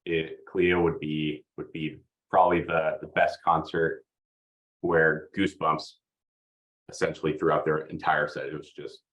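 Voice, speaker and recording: A young podcast guest from Oregon, United States, talks in a casual interview with a bass voice that's level, unhurried, and fairly bright. He's easygoing yet hesitant, leaning on lots of fillers, and the sound is lo-fi.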